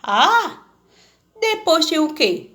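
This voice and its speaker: A woman's voice: on the high side, expressive, unhurried, fairly bright tone. A woman teacher giving a remote lesson to a class of children, explaining patiently and often checking in with the students.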